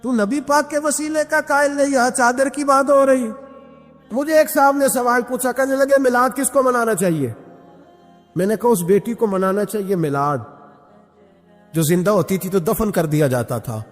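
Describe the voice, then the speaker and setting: A man delivering an impassioned devotional sermon, reciting verses in a slow sing-song. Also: very high-pitched. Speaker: preacher. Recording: reverberant hall with faint background music.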